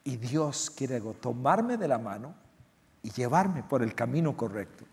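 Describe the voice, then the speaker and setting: A middle-aged man preaching a sermon, emphatic, with loud stressed lines and soft low asides. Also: sing-song, unhurried, slight background noise. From Central America. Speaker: pastor. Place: church sanctuary. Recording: long church hall reverb.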